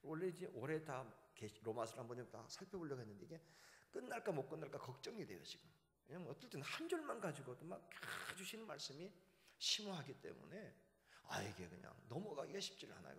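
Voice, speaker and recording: A man preaching a revival sermon as pastor, telling stories with lively, acted-out voices. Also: mid-range voice, vocal fry. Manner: animated storytelling, acting out shouting teachers. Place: church sanctuary. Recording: church hall reverb.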